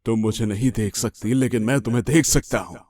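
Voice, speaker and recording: A man voicing the sinister ghost of a dead husband, speaking with slow menace in a horror storybook narration. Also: fairly low pitch, a little mellow, pitched below the performer's own voice, lightly acted.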